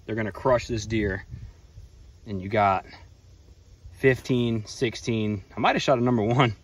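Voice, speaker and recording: A young man hosting a casual shooting range vlog outdoors in a grassy field, laid-back, counting pellets out loud. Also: lowish voice, a little slow. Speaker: outdoors channel host. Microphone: camera mic a few feet away. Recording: distant outdoor camera mic, faint insects.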